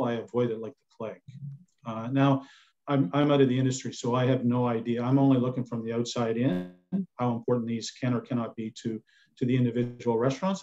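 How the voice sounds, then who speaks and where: Joining a panel from indoors via video call, an older man voices his views as a chef and repeats words to stress them. He has a mellow, medium-pitched voice, heard through slightly dull video-call audio.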